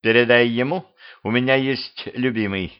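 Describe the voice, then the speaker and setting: A man's voice: mid-range voice, normal speed, clean tone, lightly acted. A man voicing a pushy, curious young vampire girl who keeps pestering insistently, on a dull lo-fi home recording. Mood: whiny.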